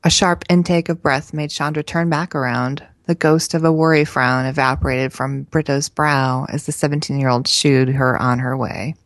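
A woman podcast co-host reading a novel excerpt aloud with steady, even narration. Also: extremely low pitch, moderate pace, hardly any pauses, no room sound.

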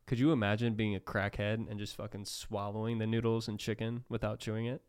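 A man hosts a casual podcast and needles his guest with crude jokes. He talks fast, in a voice that sits on the low side. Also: little pitch movement, a little mellow, clean tone. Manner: teasing, crude banter. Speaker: podcast host.

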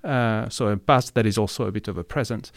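Gravelly-voiced man hosting an interview. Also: fairly low pitch, brisk, no echo, studio quality. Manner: hesitant, searching for words. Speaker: podcast host, academic. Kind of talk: conversational interview.

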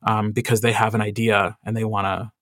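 A man who narrates audiobooks, chatting in a podcast interview with lots of fillers and animated asides. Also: lowish voice, a little fast, dry recording, studio quality.

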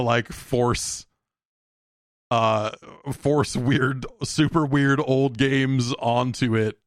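A man in his late forties with a mid-range voice hosts a podcast alone, sitting close to the mic with no echo. He rambles casually, swears frequently and drops self-deprecating comic asides.

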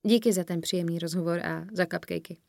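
A woman voicing a friendly young female pop star who speaks warmly and graciously, in an audiobook reading. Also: lowish voice, fairly even intonation, creaky, no echo, studio quality.

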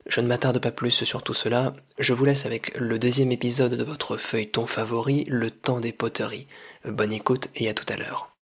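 Husky man, deadpan mock-formal host. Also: mid-range voice, moderate pace. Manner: deadpan, pompous announcer delivery. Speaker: podcast host and narrator. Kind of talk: mock-formal comic radio presenting.

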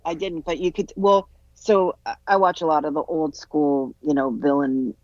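A man co-hosting a podcast in casual chat, halting and searching for words. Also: fairly high pitch, steady tone, dry recording. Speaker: podcast co-host. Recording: dull dry lo-fi mic.

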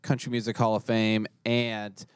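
A man co-hosting a podcast in casual chat, talking in halting, restarting sentences. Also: fairly low pitch, little pitch movement, smooth, dry recording, studio quality. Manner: chatty, halting, lots of restarts. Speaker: podcast co-host.

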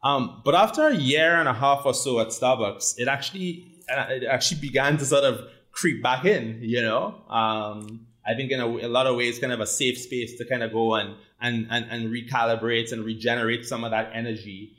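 A man from Trinidad and Tobago with a Trinidadian accent, guesting on a casual interview as the founder of a rum company. His voice is medium-pitched and a bit bright, moving at normal speed with few pauses. He talks animatedly, repeating words as he builds his points and often tagging them with "right?".

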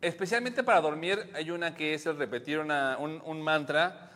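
A man's voice: on the high side, normal speed, fairly bright tone. Mexican man co-hosting a casual podcast. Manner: explains at length, laughs often. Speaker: podcast co-host.

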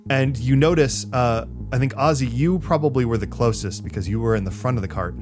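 A man's voice: medium pitch, fairly quick. A man narrating a tabletop game as game master, telling the story in a dramatic way. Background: music.

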